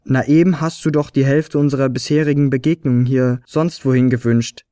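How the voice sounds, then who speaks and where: A man voicing a small, hopeful, gentle male flute player in a storybook reading, mild and a little meek. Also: medium pitch, steady tone, brisk, clear, resonant tone, dry recording, clean studio sound, natural voice. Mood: teasing.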